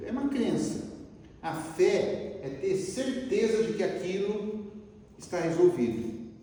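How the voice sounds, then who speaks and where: Speaking slowly in a high voice, a man with a Brazilian Portuguese accent delivers a spiritist lecture, spinning lively stories and putting questions to the audience. He's recorded from afar in an echoey lecture hall.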